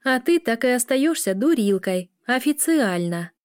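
A woman voicing a cheeky, quick-tempered teenage girl who answers back indignantly. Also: very animated, darkish tone, no echo, studio quality. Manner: shrill, indignant teasing.

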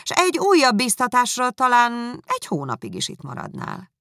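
A woman reading aloud, voicing a reserved, proud young gentleman who speaks in a cool, measured way. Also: a little high, wildly swooping pitch, dry recording, studio quality, voice pushed up, exaggerated voice. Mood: lecturing. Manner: cool, measured, dryly critical.

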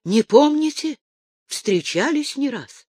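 A woman voicing a young naval lieutenant who speaks eagerly and excitedly to his elders. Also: high-pitched, slow pace, no room sound, clean studio sound, voice pushed up. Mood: astonished.

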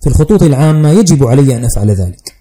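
A man's voice: mid-range voice, expressive, very fast, dark tone, natural voice. A man voicing a fussy, fearful older male schoolteacher who lectures anxiously and primly, in an audiobook reading. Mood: anxious warning.

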